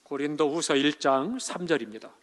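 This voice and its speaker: A middle-aged male pastor delivering an emotional sermon, swinging between loud, emphatic declarations and soft, hushed passages. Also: fairly high pitch, moderate pace. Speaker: senior pastor. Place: church sanctuary. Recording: church hall with long reverb.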